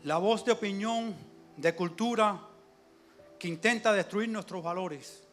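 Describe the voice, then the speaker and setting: High-voiced fervent man preaching. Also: a little slow. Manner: fervent preaching with frequent amen and hallelujah. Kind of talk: sermon. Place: church. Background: soft instrumental music.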